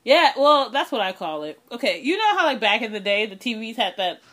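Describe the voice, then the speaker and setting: A woman's voice: on the high side, a little fast. A woman chatting casually on a podcast, telling stories and acting out other people's lines. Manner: animated storyteller, acts out voices. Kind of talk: casual chat.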